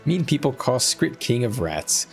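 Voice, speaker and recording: A man's voice: medium pitch, big pitch swings, measured pace, vocal fry, soft background music, voice pushed up. Man voicing a simple, put-upon rat creature. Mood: resentful. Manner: clipped broken grammar, refers to himself by name. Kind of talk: reading a game journal in character.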